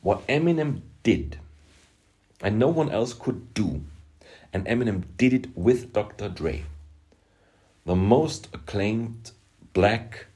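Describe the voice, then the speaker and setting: Slow, low-voiced Austrian man. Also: darkish tone. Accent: Austrian German. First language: German. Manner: emphatic, halting, self-deprecating asides. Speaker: music producer and rapper. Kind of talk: opinionated vlog monologue.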